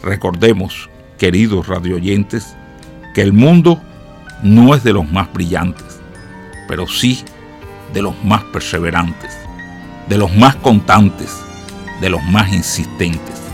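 A man, a radio educator, telling a motivational story to his listeners in slow, emphatic declamation. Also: sits low, faint music behind.

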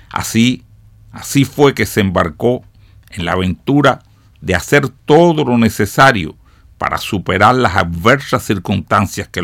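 A man, a radio educator, telling a motivational story to his listeners in slow, emphatic declamation. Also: lowish voice, gravelly, fairly bright tone, dry recording, clean studio sound.

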